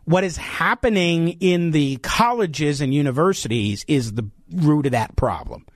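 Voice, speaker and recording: An American man with a slightly high voice delivers an opinionated talk radio monologue. He is emphatic but halting, breaking off to correct himself. The sound is dry and close, as from a studio microphone. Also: animated, no echo. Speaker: radio talk show host.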